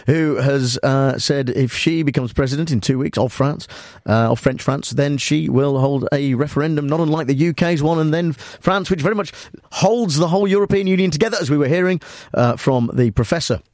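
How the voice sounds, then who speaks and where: A man's voice: fairly high pitch, dry recording, clean studio sound. A man hosting a comic radio talk show, playful and mock-serious, with many fillers.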